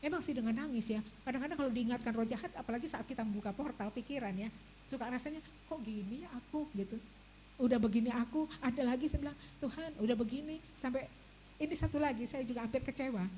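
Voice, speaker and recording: A woman's voice: on the high side, quick pace, dark tone, slight background noise, poor audio. An older woman giving a testimony in church in a chatty, confiding way, often laughing and praying aloud. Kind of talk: testimony sermon.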